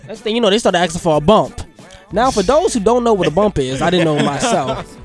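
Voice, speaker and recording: A man telling crude stories in a casual chat, animated and laughing often. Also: high-pitched, brisk, loud music behind the voice.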